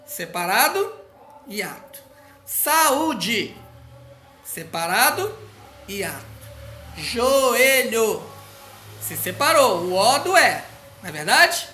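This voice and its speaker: A man teaches a recorded grammar lesson at an unhurried pace. His voice is bright and clear, and he keeps checking in with the learner. The room gives it a noticeable echo. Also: sits high, sing-song, slight background noise. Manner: patient, checks in often with the learner. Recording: roomy echo.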